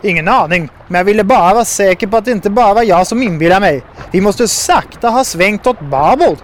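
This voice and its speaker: A man voicing a boastful, loud male toad sailor with a booming, blustering manner. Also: lively intonation, slight background noise. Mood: puzzled.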